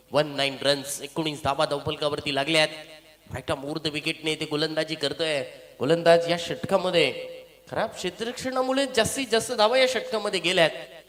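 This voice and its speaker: A man's voice: on the high side, a bit bright, big-room sound. A man giving live local cricket commentary in an announcer-like way, repeating phrases and mixing in English terms.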